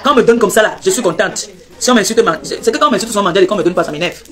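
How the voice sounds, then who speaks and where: Lady on a live, talks quick and loud, teasing, preaching blessings over and over. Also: medium pitch, lively intonation. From Cameroon. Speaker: live-stream host. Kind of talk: casual live-stream chat and blessings.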